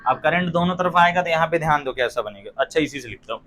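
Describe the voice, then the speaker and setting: A man's voice: on the high side, lively intonation, fast talker, bright, forceful tone. A young man teaching physics in a classroom, firing rhetorical questions at his students and throwing in joking asides. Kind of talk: classroom lecture.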